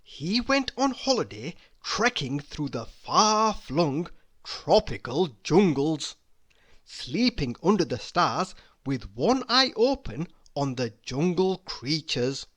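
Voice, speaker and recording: This is a storybook reader speaking in a mid-range voice to children, narrating carefully and expressively and lengthening important words for emphasis.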